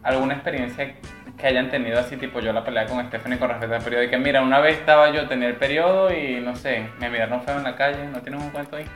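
A man hosting a casual chat, talking fast and asking questions. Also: medium pitch, fairly even intonation, fairly bright tone, reverberant, soft background music. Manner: fast, chatty, asks questions. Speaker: podcast host.

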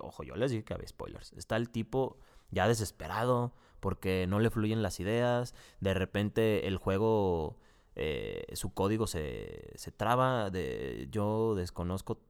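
A man's voice: low voice, gravelly, a little mellow, clear, resonant tone. A man with a Mexican accent giving a casual, profane, rambling spoken review full of slang and restarts. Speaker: video reviewer.

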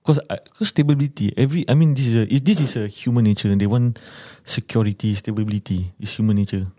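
A man with a low, soft-edged, mellow voice talks in casual Singaporean Singlish. He gives advice conversationally as a guest, dropping in particles like lah and switching into Malay. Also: quick pace. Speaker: podcast guest, small business owner.

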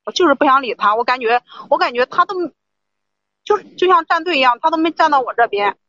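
A woman's voice: high-pitched, lively intonation, fast, pushed and bright, dry recording, highs cut off. A woman caller on a livestream advice show, insistently complaining that she was not respected, often repeating herself.

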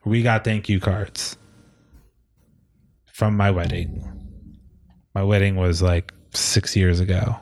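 A man's voice: sits low, fairly even intonation, slow pace, long pauses. A man in his thirties co-hosting a gaming podcast, chatting casually in a rambling way, laughing often and swearing now and then. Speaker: podcast co-host. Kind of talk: casual chat.

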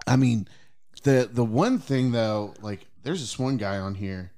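A man hosting a podcast in an easygoing, mid-pitched voice. He talks loosely, swears and laughs his way through retellings. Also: unhurried, a little mellow. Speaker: podcast host. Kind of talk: casual chat.

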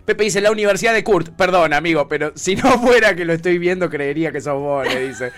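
A man's voice: on the high side, brisk, fairly bright tone. A young man with an Argentine accent, hosting a stream and reacting to a clip with sarcastic, mocking commentary. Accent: Argentine Spanish. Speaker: stream host.

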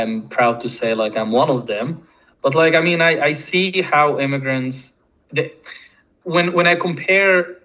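Bright-voiced man with an Egyptian accent. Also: medium pitch, highs cut off. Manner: hesitant, halting delivery with repeated words. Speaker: podcast guest. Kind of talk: casual conversational interview.

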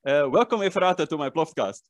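A man from the Netherlands hosting a podcast, speaking slowly and deliberately, joking easily with his guest. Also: on the high side, animated, no room sound. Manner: slow and deliberate when introducing, loose and joking in chat. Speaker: podcast host. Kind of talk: casual interview chat.

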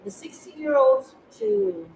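A woman's voice: extremely high pitch, expressive, slow, creaky, a little mellow. A young woman in her twenties co-hosting a podcast in casual chat, often hesitating and correcting herself. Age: 20s. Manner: hesitant, restarts and self-corrections. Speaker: podcast co-host. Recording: echoey room with noise.

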